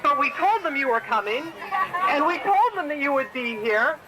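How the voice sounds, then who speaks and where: A rally speaker shouting a rousing, repetitive speech to a crowd. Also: high-pitched, animated, moderate pace, loud music behind the voice, low-quality recording.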